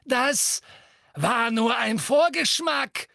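A man's voice: extremely high pitch, expressive, drawn-out words, creaky, pushed and bright, no echo, studio quality, pitched above the performer's own voice, exaggerated voice. A man voicing a cruel, gleeful witch in an audiobook, gloating and taunting. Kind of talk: audiobook character voice.

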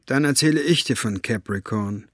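Man voicing a scarred wary stranger, hushed and low, insinuating, dry close storybook sound. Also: normal speed, breathy edge, dry recording. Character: scarred wary grown man, secretive and sinister.

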